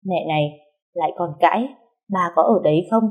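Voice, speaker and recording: A woman's voice: on the low side, brisk, husky, narrow, tinny audio. A woman voicing a worried middle-aged mother who scolds and fusses over her child on the phone. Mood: fussing.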